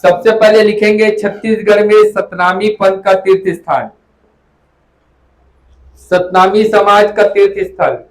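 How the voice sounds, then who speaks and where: A man's voice: high-pitched, unhurried, long pauses, rough recording. A man teaching a classroom lecture, repeating memory tricks and calling students "beta".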